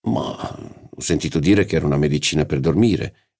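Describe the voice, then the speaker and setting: A man's voice: very deep voice, moderate pace, darkish tone. A man voicing a polite, slightly boastful aristocratic marquis in an audiobook. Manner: deferential, laughing, slightly brash. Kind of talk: audiobook character voice.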